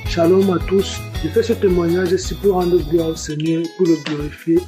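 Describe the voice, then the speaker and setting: A man's voice: fairly high pitch, level tone, moderate pace, over music, poor audio. A young man giving a spoken religious testimony, earnest and repeating his words often. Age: young adult. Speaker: testimony giver.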